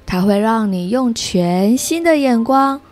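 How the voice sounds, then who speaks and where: A woman voicing a caring, helpful cat from a storybook, read slowly to a toddler. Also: fairly high pitch, lively intonation, a little mellow, soft background music. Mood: encouraging.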